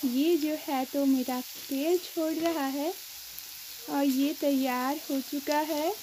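Woman cooking vlogger, high voice, slow chatty delivery, home kitchen, pan sizzle under a noisy phone recording. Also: steady tone. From Himachal Pradesh, India. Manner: slow, chatty, addresses viewers as friends. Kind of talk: casual cooking narration. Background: sizzling and stirring in a pan.

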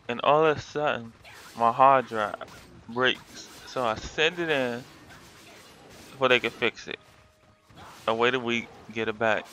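A man's voice: mid-range voice, bright, forceful tone. A man talking casually in a gaming commentary, sleepy from just waking up, rambling through his story with lots of fillers.

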